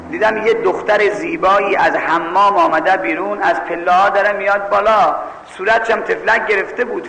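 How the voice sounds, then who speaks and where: A man from Mashhad preaching a sermon, telling a story in an animated, scolding way. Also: high-pitched, creaky, roomy sound, in a large hall, low-quality recording. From Mashhad, Iran.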